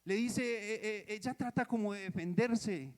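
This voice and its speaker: Man, Colombian accent, preacher, sermon storytelling, high voice, long church reverb. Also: unhurried. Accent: Colombian Spanish. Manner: lively storytelling, drops to soft asides. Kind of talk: sermon retelling a Bible story. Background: long hall echo.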